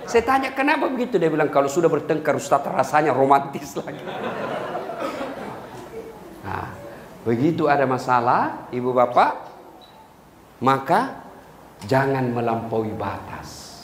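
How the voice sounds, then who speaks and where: A man preaching a humorous sermon to a live audience, swinging between loud and low and breaking into song for laughs. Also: very animated, unhurried, pauses often. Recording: echoey live hall with faint noise.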